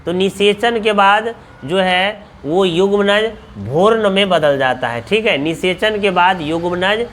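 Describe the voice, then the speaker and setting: High pitched guy tutor going over test questions, asks then answers himself, says every answer twice. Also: measured pace, a bit bright. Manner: repeats each answer for drilling. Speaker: coaching teacher. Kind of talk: exam question walkthrough lesson.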